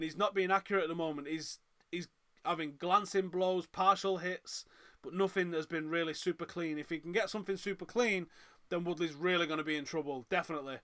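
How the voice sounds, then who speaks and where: A man with a Manchester accent hosting a live fight watchalong, giving chatty reaction commentary and reading out viewer comments. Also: on the high side. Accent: Northern English, Manchester. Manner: chatty, reads out viewer comments, gets loud and excited at big moments.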